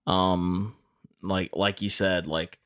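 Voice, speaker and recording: Male host, 30s, from the Carolinas; easygoing, filler-heavy casual talk in a lowish voice. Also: little pitch movement, slow pace, fairly bright tone. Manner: laid-back, loose, full of fillers. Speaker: podcast host. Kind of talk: casual chat.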